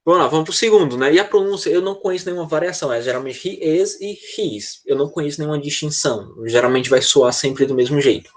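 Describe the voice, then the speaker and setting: Over a video call, an English teacher with a Brazilian Portuguese accent runs an online class for kids, explaining patiently and checking in frequently. His voice is a little high, and he talks fast with hardly any pauses.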